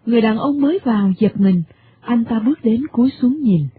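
A woman narrates a radio drama in an expressive storytelling voice that sits a little high. The sound is thin and tinny, like a medium-wave broadcast. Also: fairly quick, a little hiss or hum.

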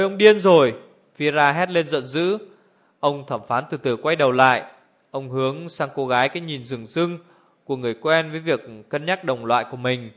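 A man reading an audiobook in steady, even scripted narration, on a dull lo-fi recording. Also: medium pitch.

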